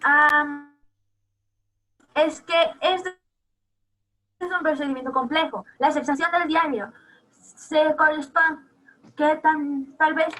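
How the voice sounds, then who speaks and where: A woman's voice: sits high, pushed and bright, rough recording. A young female pupil answering in an online class, hesitant and searching for her words.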